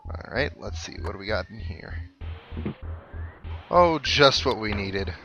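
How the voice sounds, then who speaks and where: A let's play host offers casual, chatty commentary with wry asides while playing a video game, video game music running behind him. His lowish voice is expressive, creaky and bright, delivered at a measured pace with a forceful tone.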